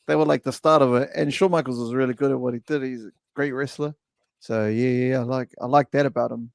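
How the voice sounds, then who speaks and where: A man's voice: medium pitch, fairly even intonation, fast, gravelly, dry recording, clean studio sound. A young man with a New Zealand accent, chatting casually as a podcast guest, slangy and full of restarts. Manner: laid-back slangy, lots of restarts and fillers. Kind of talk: casual chat.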